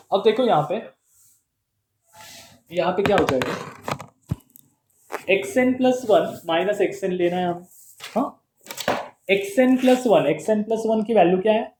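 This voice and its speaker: A man's voice: sits high, lively intonation, measured pace, long pauses, echoey room, noisy background. A man teaching a math lesson step by step, asking rhetorical questions and mixing Hindi with English terms. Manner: playful, calls terms "bhai sahab".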